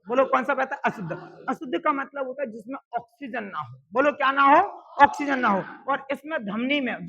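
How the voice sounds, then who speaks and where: A woman teaching a classroom science lesson. She drills the students with call-and-response questions and repeats the answers slowly and loudly for emphasis. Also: sits high, lo-fi sound.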